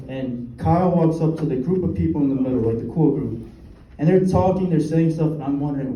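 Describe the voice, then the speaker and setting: A young man doing a stand-up comedy set, with a dry, halting delivery and deadpan punchlines. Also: a little high. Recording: roomy sound, mic at a distance, faint ambience.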